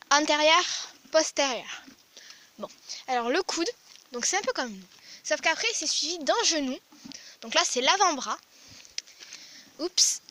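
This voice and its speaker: A woman's voice: sits high, bright, forceful tone. A young woman with a French accent explaining horse anatomy in a casual vlog, full of fillers and restarts. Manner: chatty, many fillers and restarts. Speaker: horse vlogger. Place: outdoors in a stable yard with horses.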